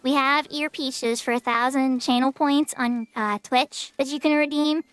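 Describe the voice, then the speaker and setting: A woman's voice: sits high, steady tone, measured pace, a bit bright, smooth, no echo. A woman livestreamer chatting casually while gaming, in a cute anime-girl manner.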